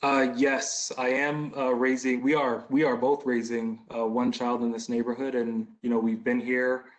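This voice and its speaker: Man, 30s, from Boston, business owner, community meeting Q&A, middle pitch, conversational, measured. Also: level tone, rough recording. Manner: conversational, measured, with many fillers. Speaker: business owner presenting a proposal. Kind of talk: answering questions at a community meeting.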